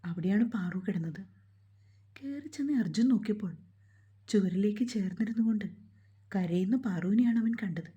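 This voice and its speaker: A woman narrates a romance novel in a calm, even storytelling voice. Her tone is very dark and mellow. The recording is dull and lo-fi. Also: mid-range voice, normal speed, long pauses.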